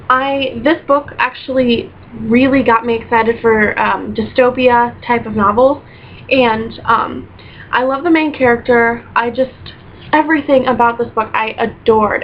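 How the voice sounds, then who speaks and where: A woman's voice: fairly high pitch, a little hiss or hum. A young woman chatting casually in a book review vlog, gushing and piling up repeated words for emphasis, recorded at home on a built-in camera mic. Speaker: book vlogger. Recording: dull lo-fi webcam audio.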